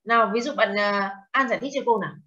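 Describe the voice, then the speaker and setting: Bright-voiced woman teacher, lo-fi lecture. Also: mid-range voice, quick pace. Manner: questioning students, explaining terms with Chinese words mixed in. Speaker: teacher of Chinese translation. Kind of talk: classroom lecture. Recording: dull lo-fi sound.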